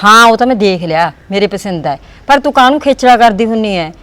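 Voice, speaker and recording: A woman's voice: mid-range voice, lively intonation, fairly bright tone, no room sound, natural voice. A woman playing a caring married daughter with a Punjabi accent, talking with her old mother. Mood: earnest. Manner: quick, pleading. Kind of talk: village drama acting.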